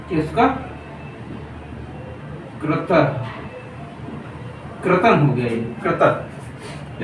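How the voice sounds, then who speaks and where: A man whose voice sits high with a fairly bright tone teaches Hindi grammar for exam prep at a board. Repetition and frequent check-ins with students define his delivery, recorded in an echoey room on a distant mic with faint hiss.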